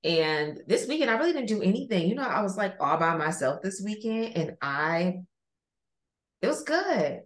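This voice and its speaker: A woman's voice: medium pitch, sing-song, normal speed. A woman chatting casually as a podcast co-host from a hotel room, teasing and repeating phrases for emphasis. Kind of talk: casual chat. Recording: roomy echo of a hotel room.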